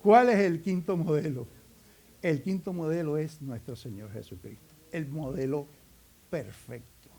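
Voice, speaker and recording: A man's voice: on the high side, measured pace, warm tone. Cuban man preaching with folksy humor. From Cuba. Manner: folksy storytelling with humorous asides. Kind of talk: sermon.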